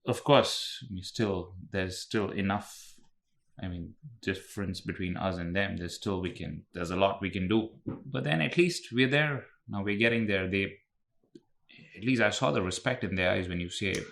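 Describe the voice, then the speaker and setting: A man's voice: low-pitched, normal speed, gravelly, a bit bright. A man who is a podcast guest, speaking as an in an earnest, casual way and repeating phrases for emphasis.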